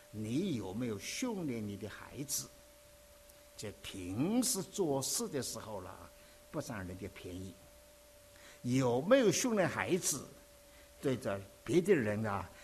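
A man from preaching a sermon, telling his own story in an animated, conversational way. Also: mid-range voice, slight background noise. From Dinghai, Zhejiang, China. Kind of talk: sermon with personal testimony.

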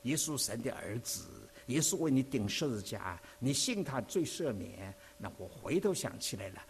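A man delivers a sermon. He recounts his own experiences as an expressive, conversational storyteller, and his mid-range voice leaps up and down with lively intonation. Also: mid-range voice, moderate pace, a little hiss or hum. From Dinghai, Zhejiang, China. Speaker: preacher. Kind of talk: sermon with personal testimony.

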